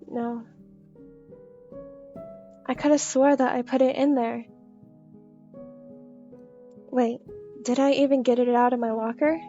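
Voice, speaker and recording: Woman voicing a whiny, forgetful young man, higher-pitched. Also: fairly even intonation, slow, long pauses, warm tone. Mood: oblivious, puzzled. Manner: whiny, dismissive of worry. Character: young male team captain, forgetful, whiny, playful, babyish. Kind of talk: story character dialogue. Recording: slightly dull lo-fi audio under music.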